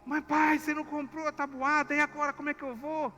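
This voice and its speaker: Man doing a whiny, tearful eight-year-old girl, high and bright. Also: little pitch movement, fast. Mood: distressed. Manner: pleading, high-pitched and shrill. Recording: echoey church hall with soft music.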